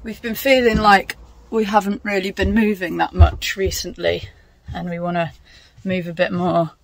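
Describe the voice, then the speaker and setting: An English young woman chats casually for her travel vlog, thinking aloud with fillers while filming on a phone held at arm's length outdoors on a canal boat. Her voice is lowish and creaky, with little pitch movement, a moderate pace and no echo.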